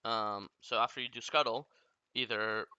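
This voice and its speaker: A young man coaches over a game replay, bluntly and casually profane as he rapidly explains each mistake. His voice is lowish, bright and forward, smooth, with fairly even intonation. The recording is dry with no echo and a slightly dull, muffled top end.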